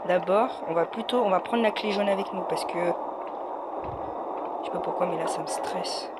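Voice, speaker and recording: Jumpy man yelling over game play, loud noise. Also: sits high, unhurried. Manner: jittery, frightened, yelps and mutters to himself. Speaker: gaming youtuber. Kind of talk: let's play commentary. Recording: loud background noise and hiss.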